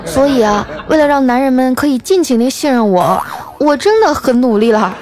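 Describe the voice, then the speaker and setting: A woman voicing a whiny, self-mocking young female coworker who talks in a slow, sulky drawl. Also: sits high, expressive, a crowd in the background, pitched above the performer's own voice. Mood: defiant.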